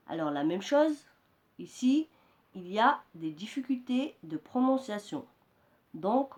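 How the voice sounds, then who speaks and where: A woman teacher slowly explaining pronunciation rules to her students, repeating key words. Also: medium pitch. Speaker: French teacher. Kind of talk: slow classroom explanation.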